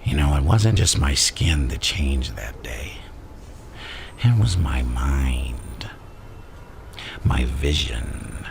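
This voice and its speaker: A man playing a theatrical, manipulative madman supervillain in an ASMR roleplay, speaking in a gravelly, breathy half-whisper and savouring each phrase. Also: very deep voice, animated, very slow, long pauses, a little hiss or hum, heavily acted. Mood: intimate, reflective menace. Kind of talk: ASMR villain roleplay monologue.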